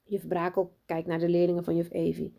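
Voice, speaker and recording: A woman reading a children's storybook aloud, her narration soft and low-key. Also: monotone, brisk, vocal fry. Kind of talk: children's book read aloud.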